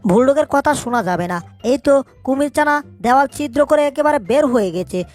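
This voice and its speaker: A busy little male cartoon mouse chatters and scolds in a high, quick voice, as a woman plays him. He keeps thinking aloud as he fusses over each mess. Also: animated, a little mellow, soft background music. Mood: brisk. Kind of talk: fan cartoon dubbing.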